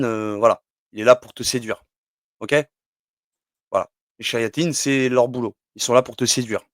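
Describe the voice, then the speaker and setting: A man's voice: medium pitch, no room sound, clean studio sound. A man giving a casual explanatory talk as a religious numerology teacher, rambling with many fillers and asides.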